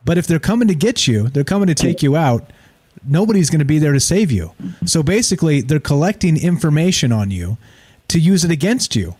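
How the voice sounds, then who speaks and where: Male talk host with a mellow, darker tone. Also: a little high, sing-song, fairly quick, breathy edge. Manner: informal, emphatic, repetitive phrasing with rhetorical questions. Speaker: talk show host taking calls and chat. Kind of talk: casual opinionated talk.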